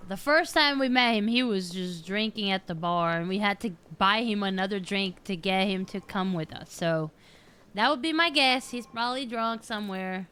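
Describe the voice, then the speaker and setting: A woman's voice: mid-range voice, animated, moderate pace, sharp tone, clean tone. A woman streamer giving casual gameplay commentary, chatty and thinking aloud as she plays.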